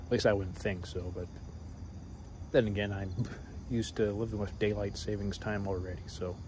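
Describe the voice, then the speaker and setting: In a steady tone, a fairly deep-voiced man in his thirties rambles casually for his vlog, hesitating, using many fillers and letting thoughts trail away, while crickets and insects sound loudly through the night behind him.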